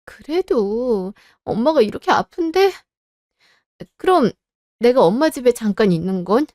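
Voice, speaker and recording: Radio drama lead: a woman as an anxious, pleading wife, mellow voice, dry sound. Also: fairly high pitch, big pitch swings, unhurried, dry recording. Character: worried married daughter, young mother.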